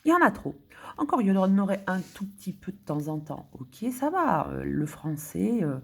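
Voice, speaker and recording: Husky French woman musing aloud. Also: fairly low pitch, big pitch swings, normal speed, a little mellow. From France. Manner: muttering and whispering while searching words; indignant outbursts. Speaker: vlogger. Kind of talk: casual thinking-aloud monologue.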